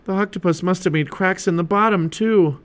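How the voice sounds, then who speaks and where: A man voicing an eager, fearless young girl in a storybook read-aloud, speaking high, loud and excited. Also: brisk, clear, resonant tone.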